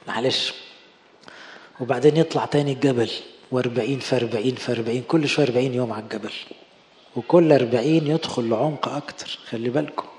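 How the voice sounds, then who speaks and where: A man with an Egyptian Arabic accent, a priest preaching a sermon and telling the story with lively acted dialogue. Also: mid-range voice. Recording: echoey hall with long reverb.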